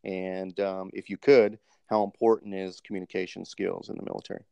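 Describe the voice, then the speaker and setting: A man's voice: low voice, level tone, a little fast, creaky, mellow, no room sound. A man hosting a podcast interview, polite and formal, with many ums, calling his guest sir. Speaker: host, military doctoral student interviewer. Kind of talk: casual interview, recorded podcast segment.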